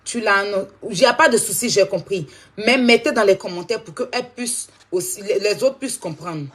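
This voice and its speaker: Husky-voiced woman hosting a live stream. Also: mid-range voice, a little fast, a bit bright. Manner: insistent, repeats herself. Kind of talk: live-stream commentary to viewers.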